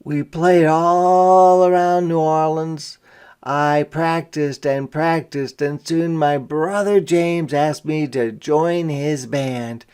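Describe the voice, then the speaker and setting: Slow, slightly high-voiced man reading aloud. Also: steady tone, a little mellow, smooth. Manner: dramatic, deliberate delivery with emphasized character lines. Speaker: read-aloud teacher for young children. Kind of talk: expressive picture-book read-aloud with simple explanatory asides.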